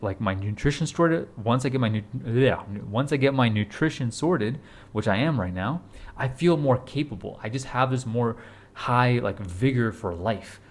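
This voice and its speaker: A man in his twenties giving a casual motivational talk to camera, urgent and repetitive, blunt, with casual swearing. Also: medium pitch. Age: 20s. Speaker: fitness vlogger.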